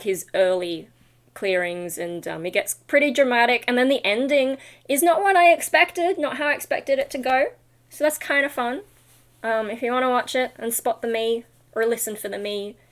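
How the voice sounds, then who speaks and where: A woman who vlogs and sings metal sounds tired and not fully awake, rambling in a scattered, self-deprecating vlog style. Her voice is a little high, at a normal speed.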